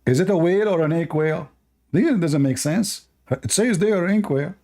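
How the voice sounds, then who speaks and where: Male debate host, scornful and combative, non-native English, higher-pitched with a soft, dark tone. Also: a little fast. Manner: mocking, combative, laughs at opponents. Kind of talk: live debate commentary.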